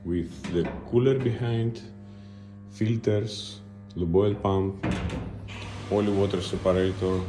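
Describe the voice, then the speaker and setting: A man narrating an unscripted video tour as a guide, halting and pausing between short phrases. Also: lowish voice, steady tone, echoey room, noisy background.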